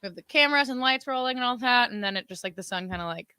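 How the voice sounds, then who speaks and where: Bright, giggly woman chatting on a livestream. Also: fairly high pitch, expressive, very fast, smooth, no echo. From West Virginia and South Florida. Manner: chatty, giggly, full of "like" fillers. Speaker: co-host of a livestream. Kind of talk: casual livestream chat. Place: indoor room with cameras and lights.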